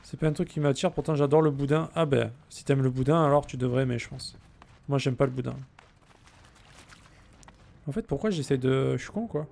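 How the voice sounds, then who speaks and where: Speaking fairly quickly with long pauses, this male game streamer has a gravelly, mid-range voice with a darkish tone. He jokes around and answers viewer messages in a casual gameplay chat.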